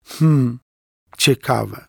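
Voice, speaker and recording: Man playing a quiet, knowing detective. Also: medium pitch, very slow, vocal fry, husky, no echo, studio quality, full character voice. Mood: calm. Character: calm, gentle male detective.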